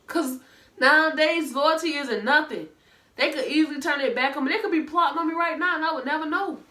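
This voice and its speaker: A woman's voice: high voice, brisk, sharp tone, reverberant. A woman with a Southern US accent giving casual commentary, blunt and sarcastic, speaking straight to her viewers. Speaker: reaction commentator. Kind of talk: casual commentary reading messages.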